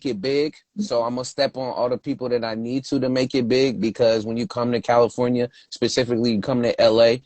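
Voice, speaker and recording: A man's voice: medium pitch, flat delivery, brisk, hardly any pauses, darkish tone, dry recording, low-quality recording. A man from Brooklyn hosting a casual chat, talking in laid-back street slang. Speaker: host.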